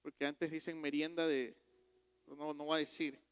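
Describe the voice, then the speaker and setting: A man preaching a sermon as pastor, emphatic and rising to loud exhortations. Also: fairly high pitch, little pitch movement, normal speed, clear, resonant tone, no room sound. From Ecuador.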